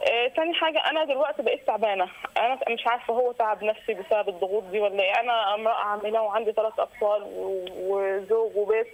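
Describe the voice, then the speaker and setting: A woman's voice: mid-range voice, steady tone, very fast, dull audio. A weary, distressed woman in her thirties with an Egyptian accent, calling in to describe her troubles, hesitant and full of fillers and restarts. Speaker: caller. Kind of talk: call-in confession.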